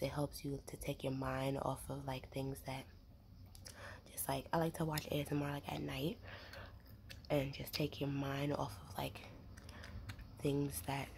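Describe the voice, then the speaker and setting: A young woman rambling in a soft, half-whispered ASMR voice while chewing gum, with lots of fillers, close to the mic. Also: low-pitched, a little hiss or hum. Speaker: ASMR creator.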